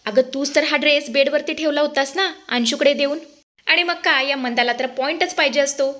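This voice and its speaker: A woman's voice: high-pitched, fairly quick, pushed and bright, pitched above the performer's own voice. A woman voicing a vain, boastful young bride in a spoken story recap. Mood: defiant.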